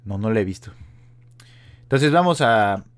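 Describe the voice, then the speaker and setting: Man, mexican spanish accent, lowish voice, relaxed joking chat, reads out comments. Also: unhurried. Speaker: podcast co-host. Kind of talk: casual chat.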